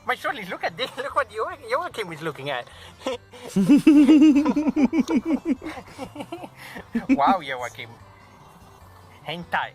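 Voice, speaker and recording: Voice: medium pitch, animated, normal speed, a bit bright, faint music behind, low-quality recording. A vlogger chatting playfully and teasing a friend while filming. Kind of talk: casual vlog chat.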